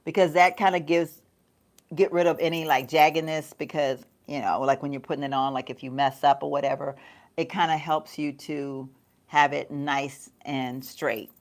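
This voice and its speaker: A woman's voice: low-pitched, little pitch movement, moderate pace. Chatty woman doing a makeup chat. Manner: chatty, addresses viewers as y'all, laughs often. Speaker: beauty vlogger. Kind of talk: casual get-ready-with-me livestream chat. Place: home.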